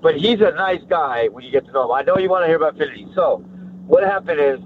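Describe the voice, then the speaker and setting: A man rambling through loose, profane anecdotes as an interview guest. His voice comes over a thin, phone-like line. There is steady noise behind him. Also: on the high side, fast talker. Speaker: actor guest. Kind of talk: casual storytelling. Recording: tinny phone-like line, noisy.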